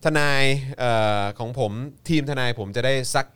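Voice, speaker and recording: A man's voice: mid-range voice, moderate pace, fairly bright tone, smooth. A man hosting a casual talk show, chatty and heavy on polite sentence endings.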